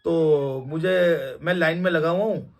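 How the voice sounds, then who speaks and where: A man's voice: on the high side, fairly even intonation, a little slow. A young man telling a personal testimony in a casual, rambling way, with many restarts and fillers. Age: young adult. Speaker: devotee sharing a testimony.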